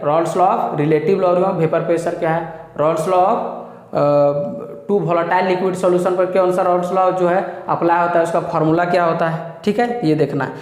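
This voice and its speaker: A man teaching a chemistry exam syllabus lesson, saying "ठीक है" after each point and reading English topic titles out slowly. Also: high-pitched, darkish tone, reverberant, long reverb tail.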